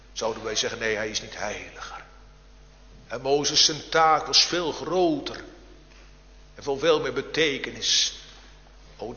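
A man preaching a baptism sermon, addressing the parents in slow, measured phrases that build to fervent emphasis. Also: mid-range voice, a bit bright, slight background noise. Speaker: pastor. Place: church. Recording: echoey church hall, dull sound.

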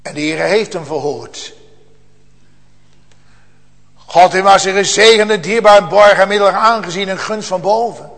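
A man preaching in a church, his voice high and his delivery slow and solemn. Now and then he swells into loud, emotional cries. Long reverb trails each phrase. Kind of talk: sermon.

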